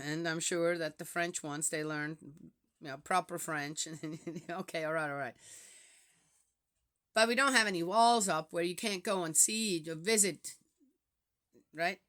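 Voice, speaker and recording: A woman's voice: lowish voice, a little slow, pauses often, fairly bright tone. A woman from Switzerland with a Swiss German accent, talking in a reflective, casual way with many fillers and restarts.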